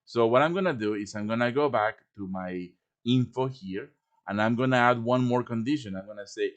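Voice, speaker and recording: A man with a mid-range voice talks fairly quickly as he hosts a casual live software tutorial streamed over voice chat. Improvising as he goes, he thinks aloud through every step.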